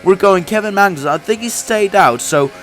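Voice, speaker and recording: Brisk and high-pitched, a young man's voice comes over faint background music. The gaming YouTuber, who says he's sick and sounds a little off, chats through his career race in a racing game, often laughing and starting his sentences over.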